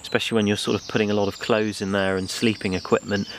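Young male outdoor host, low voice, loose rambling delivery, faint forest ambience behind. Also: fast, a little hiss or hum. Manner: relaxed, rambling, many ums and you knows. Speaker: bushcraft channel host. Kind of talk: casual gear review.

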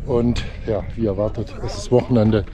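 A man's voice: fairly low pitch, steady tone, normal speed, crowd noise. German man narrating a travel vlog. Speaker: travel vlogger. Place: outdoors on hiking trails and by a car. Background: background music.

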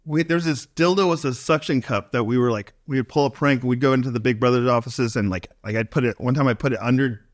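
A man's voice: medium pitch, fast talker, few pauses. A middle-aged man telling wild stories in a casual podcast chat, acting out the quotes. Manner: animated storyteller, acts out quotes. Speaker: podcast guest.

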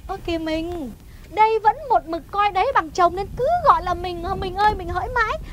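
An actress playing a sharp-tongued wife in a stage comedy sketch, with a Northern Vietnamese accent and a scolding manner. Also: female voice, a little fast, noisy background. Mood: defiant. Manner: scolding, shrill tirades.

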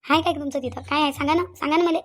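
Woman doing an angry young fiancée, cartoon, Vidarbha Marathi accent, high voice, rapid accusing repeats. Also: steady tone, natural voice. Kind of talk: cartoon voice acting.

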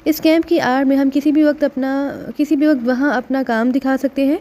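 A man's voice: very high voice, fairly even intonation, mellow. A woman voicing a serious man who lays out a mission plan in an audiobook. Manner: serious, measured. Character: grave male mission planner.

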